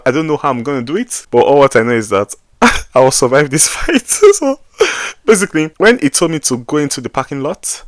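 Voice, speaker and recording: Animated young Nigerian man telling a story. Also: medium pitch, no room sound. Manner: animated, talkative, swings between loud bursts and hushed asides. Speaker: vlogger. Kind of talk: personal storytelling.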